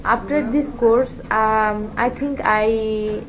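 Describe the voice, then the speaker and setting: A woman, an English student introducing herself in class with many pauses and fillers. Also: a little high, steady tone, a crowd in the background, low-quality recording. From Bangladesh. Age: 20s.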